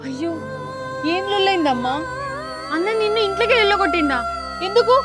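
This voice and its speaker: A woman's voice: extremely high pitch, lively intonation, a little fast. Woman playing a fierce protective daughter. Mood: tender. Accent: Telangana Telugu. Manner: comforting to her mother, threatening to the liar. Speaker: daughter standing up for her mother. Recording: film music underneath.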